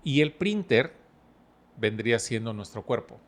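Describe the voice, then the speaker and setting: A middle-aged man, a podcast guest who talks calmly and explains with stories and analogies. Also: medium pitch. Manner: storytelling, explains with analogies, calm and measured. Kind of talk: relaxed podcast conversation.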